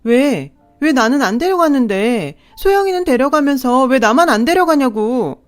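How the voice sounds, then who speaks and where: A woman voicing a hurt, defiant young girl in a dramatized story reading, pleading and shouting back. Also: fairly high pitch, big pitch swings, a little slow, faint music behind.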